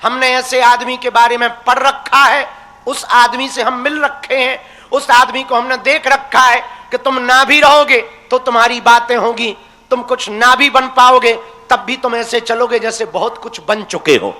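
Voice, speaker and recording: A man's voice: very high voice, fairly even intonation, normal speed, pushed and bright. A young man preaching a devotional sermon, teasing and folksy, calling his listeners his crazy ones. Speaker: religious preacher. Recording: long hall reverb.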